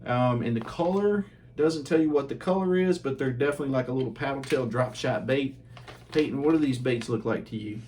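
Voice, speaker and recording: A man's voice: mid-range voice, brisk. Chill fishing guy at home going over baits, ordinary mid voice, lots of uhs, slight background hiss. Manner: relaxed, chatty, many ums and uhs. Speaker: fishing channel host. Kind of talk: casual bait review.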